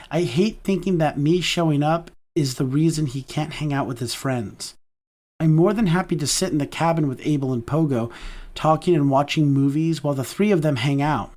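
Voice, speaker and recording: A man narrating a first-person romance audiobook in a warm, conversational manner. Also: a little high.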